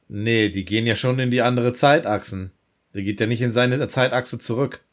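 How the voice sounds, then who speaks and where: A man's voice: medium pitch, moderate pace. Podcast guy hyped about a funny scene, telling it step by step. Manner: enthusiastic storyteller, quotes scenes. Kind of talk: casual podcast chat about a cartoon episode.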